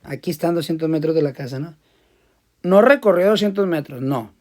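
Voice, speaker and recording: A man gives a relaxed physics lesson. He talks loosely and repeats himself as he explains a problem and sketches a diagram for his students. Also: fairly high pitch, brisk. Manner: casual, repeats words while drawing. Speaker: physics teacher. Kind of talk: casual classroom lecture.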